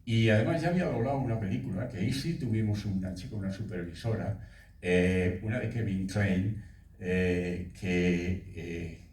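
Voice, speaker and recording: A man in his eighties, a voice actor telling stories at a festival talk in a relaxed way. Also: sits low, normal speed, a little hiss or hum. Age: 80s. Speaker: voice actor guest. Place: festival hall. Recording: echoey hall, speaker far from mic.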